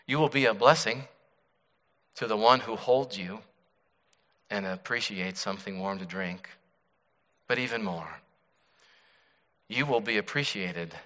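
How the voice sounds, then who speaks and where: A patient, gentle potter, played by a preacher who speaks slowly and reassuringly. The voice is bright and forceful. Long church reverb trails each phrase. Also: male voice, on the low side. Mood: tender. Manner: calm, slow and reassuring.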